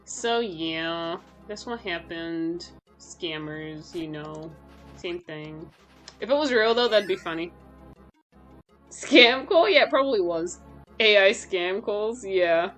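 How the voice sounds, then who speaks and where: A woman's voice: on the low side, lively intonation, slow pace, fairly bright tone, faint music behind, low-quality recording. A woman streaming a game live, reacting aloud to the gameplay, talking to her chat and mocking herself. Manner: self-mocking exclamations.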